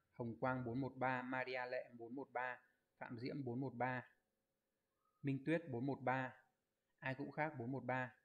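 A man leads an online Japanese exam review, explaining each answer step by step. He keeps checking in with his students through rhetorical questions. His voice sits at a middle pitch, and he rattles off the viewers' answers in quick lists. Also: narrow, tinny audio. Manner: reads out viewers' comment answers in a quick list. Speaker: Japanese language teacher.

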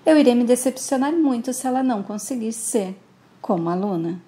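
Earnest older dad, lively high voice, woman doing it. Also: a little fast, close to an everyday voice.

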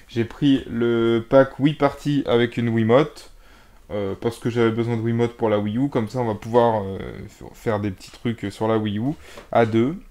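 This gaming vlogger has a medium pitch and fairly bright tone. Recorded on a camera mic, the young man rambles through his game purchases in a casual video, hesitant and filler-heavy, while shuffling boxes around.

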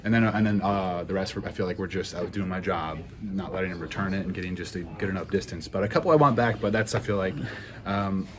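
Speaking fast in a low voice, a young college football punter fields postgame questions from reporters, sounding upbeat and grateful. The busy interview area is noisy, and he's recorded on handheld phones and recorders held close.

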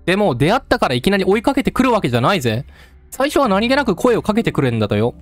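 Man reading a gruff, taunting storyteller. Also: high-pitched, sing-song, rapid-fire, no echo, soft background music. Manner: gruff, coarse street speech, addressing the listener directly. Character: rough-talking male storyteller, menacing and taunting. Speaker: game let's-play narrator.

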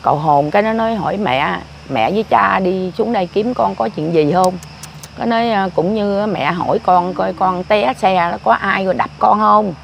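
Gravelly older woman. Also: mid-range voice, moderate pace, a little hiss or hum. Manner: rambling, repetitive telling. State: often ill. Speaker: grandmother interviewed. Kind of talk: casual storytelling.

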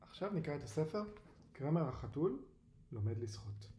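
A storyteller reading a rhyming children's book aloud in a lively, rhythmic way. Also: medium pitch, a little hiss or hum. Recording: roomy echo.

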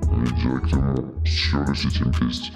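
A man's casual tutorial chatter runs through a voice-changer that drops his voice very deep. The effect leaves it gravelly and flat in tone. Music plays behind him. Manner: quick, chatty, addresses viewers as guys. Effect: voice changer lowering the voice. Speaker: gaming tutorial host. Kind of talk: casual screen-recording tutorial.

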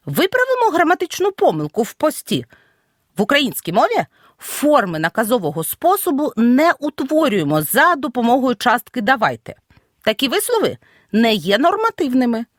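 A woman teacher giving an audio grammar lesson, stressing each example word clearly. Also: on the high side, fairly bright tone, no room sound, clean studio sound. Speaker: Ukrainian language teacher.

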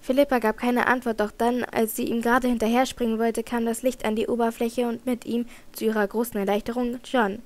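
A woman reading a children's adventure novel aloud in even narration, with occasional slips she corrects. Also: a little high, brisk, few pauses. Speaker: audiobook reader.

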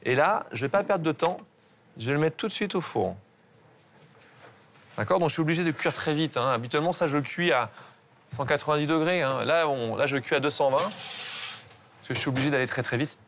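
A pastry chef talks viewers through a recipe, brisk and instructive, his voice sitting fairly high for a man. Clatter and clicks of a busy kitchen run behind him. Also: fairly bright tone, a little hiss or hum. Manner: instructive, brisk, addresses viewers with "regardez" and "hein". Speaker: pastry chef teaching a master class. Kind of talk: cooking demonstration.

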